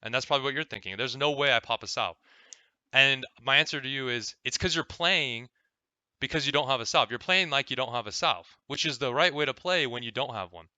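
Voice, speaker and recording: A man's voice: medium pitch, a little fast, bright, forceful tone, no room sound, highs cut off. A man coaching a player over a gameplay replay in a casual, explaining way, often checking in with "right?" and swearing freely. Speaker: game coach.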